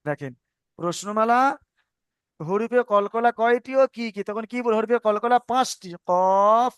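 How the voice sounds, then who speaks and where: A male tajweed teacher walks students through the letters, saying each sound again and again and checking that they follow. His voice is high and smooth. It sits close and dry on the mic. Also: normal speed, no room sound. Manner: patient, repeats sounds and asks if understood. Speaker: Quran reading teacher. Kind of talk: online tajweed lesson.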